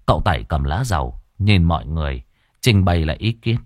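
A man telling a ghost story with lively, playful swings in his voice. His tone sits fairly low and the sound is dry and close. He keeps the telling colloquial and animated. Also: brisk, no echo. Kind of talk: storytelling narration.

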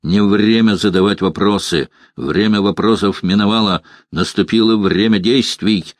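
A man reading the part of a proud, impulsive male sorcerer who speaks bitterly and shouts orders in an audiobook. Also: lowish voice, moderate pace, dry recording, close to an everyday voice. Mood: commanding.

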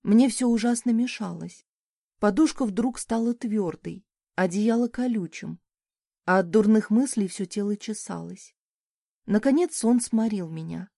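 Female audiobook reader with a warm, mellow voice, expressive first-person narration in a dry booth. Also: mid-range voice, measured pace, gravelly, dry recording. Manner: lively, expressive reading.

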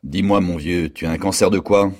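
A man reading aloud, voicing a stocky, hoarse male hospital patient who speaks bluntly and with rough familiarity. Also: sits low, steady tone, moderate pace, a little mellow.

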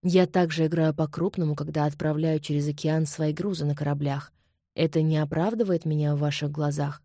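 A woman reading the part of a suave young Scottish gentleman who speaks softly and calmly. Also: brisk, no room sound, studio quality. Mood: velvety, calm. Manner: soft, low, velvety and calm.

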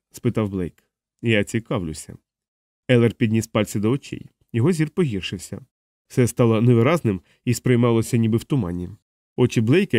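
A man narrating a science fiction audiobook at a middle pitch. His reading is even and measured. The sound is dry and close, with no room. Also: no room sound. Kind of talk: scripted narration.

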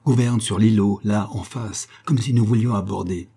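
A man voicing an old, loyal male creole boatman who talks in an urgent, excited way. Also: lowish voice, moderate pace, gravelly, breathy edge.

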